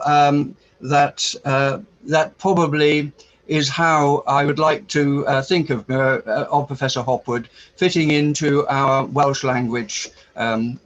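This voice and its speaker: A man hosting a meeting over a video call, giving a courteous, formal introduction in a hesitant, halting way with many repetitions. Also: fairly high pitch, lo-fi sound. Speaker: meeting host introducing a speaker.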